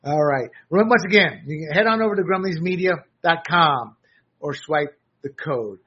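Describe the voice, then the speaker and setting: Male political commentary host, combative and sarcastic, husky and bright, on dull audio. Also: a little high, expressive, moderate pace. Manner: combative, sarcastic, rising to shouts.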